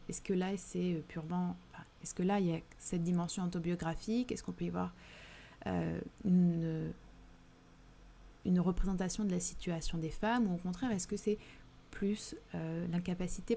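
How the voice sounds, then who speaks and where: A woman with a southern French accent leads a live discussion of poems, pausing often and restarting her phrases as she thinks aloud. Her voice sits slightly low and sounds warm and mellow. A faint hiss runs under the recording. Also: fairly even intonation, gravelly. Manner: thoughtful, hesitant, many fillers and restarts. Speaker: literary livestream host. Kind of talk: live book discussion reading chat questions.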